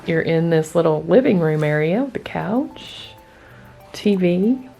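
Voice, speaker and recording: A woman travel vlogger talks in an unhurried, chatty way, walking her camera through a hotel room. Her voice sits a little low. Steady background music plays beneath her. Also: creaky. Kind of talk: casual travel vlog chat.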